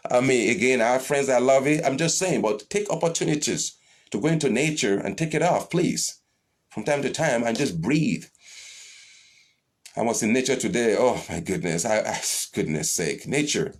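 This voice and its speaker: A man leading a live-streamed spiritual talk and answering viewer questions, blunt and animated, swearing freely and pushing his pitch up for emphasis. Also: moderate pace. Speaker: spiritual teacher.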